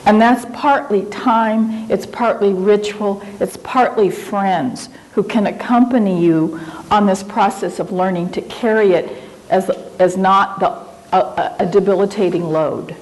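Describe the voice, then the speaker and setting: A woman's voice: mid-range voice, a little slow, darkish tone, poor audio. A woman from Japan giving a conference lecture in an auditorium, speaking reflectively and conversationally as she searches for her words.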